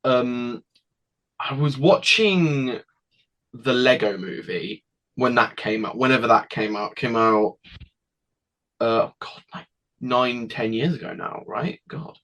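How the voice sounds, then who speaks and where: A teenage boy, a guest telling his story in a rambling, halting way with frequent restarts. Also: medium pitch, a bit bright, poor audio. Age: teens. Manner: rambling, halting, with many restarts and acted quotes. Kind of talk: casual interview storytelling.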